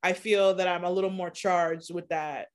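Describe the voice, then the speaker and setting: Give me a woman guest on a podcast talking candidly and with animation, laughing easily. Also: fairly low pitch. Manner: animated, laughs often, shifts between quick and slow emphatic phrasing. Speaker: podcast guest, content creator. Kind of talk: casual conversational interview.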